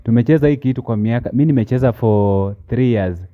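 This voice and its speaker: A man's voice: medium pitch, brisk, a crowd in the background. A man with a Kenyan accent chatting casually to the camera and his friends. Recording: dull sound with faint noise.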